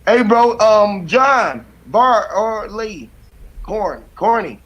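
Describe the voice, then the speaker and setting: A man's voice: high voice, lively intonation, extremely slow, a bit bright, muffled recording. A middle-aged man streaming late at night, telling loose, profane stories and laughing often. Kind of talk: late-night casual chat.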